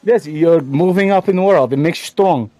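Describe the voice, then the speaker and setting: A man voicing a boastful Russian male racing driver with a mock Russian accent and broken English, bragging deadpan over a voice call. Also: on the high side, moderate pace, close to an everyday voice, poor audio. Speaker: guest driver.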